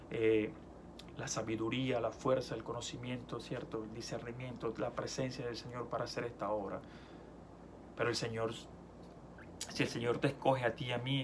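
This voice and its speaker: A man preaches in an easy, chatty way, stumbling over restarts, then lifts his voice when he reads scripture. His pitch sits in the middle range. A faint hiss of noise runs under the recording. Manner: conversational preaching with many restarts, rising loud when reading scripture. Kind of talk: sermon.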